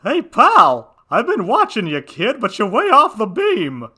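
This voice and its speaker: A man's voice: extremely high pitch, huge pitch swings, pushed and bright, husky, pitched above the performer's own voice, full character voice. A man voicing a brash, slangy male alley cat full of street talk. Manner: slangy, fast-talking.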